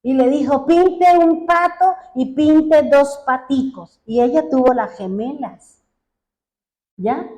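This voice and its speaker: Middle-aged woman pastor, high mellow voice, earnest sermon in a reverberant room. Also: slow pace. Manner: earnest preaching with long personal anecdotes.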